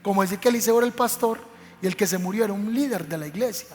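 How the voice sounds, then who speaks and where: A man's voice: high voice, rapid-fire, a little mellow. A man with a Medellín Colombian accent, a pastor telling a Bible story in a sermon and acting out its voices. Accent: Colombian Spanish, Medellín. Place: church hall. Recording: long reverb of a church hall.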